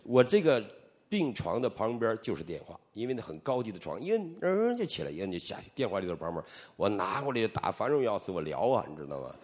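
Delivering his sermon testimony, this middle-aged Northeast Chinese preacher tells the story with animation and performs each bit of dialogue. He talks quickly in a lowish voice.

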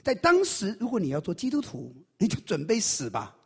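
A man preaching a sermon with a high, gravelly, husky voice. His pitch leaps all over as he tells the story and quizzes the congregation. The sound has a long reverb tail from a big hall. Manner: quizzes the congregation with rapid questions; animated storytelling.

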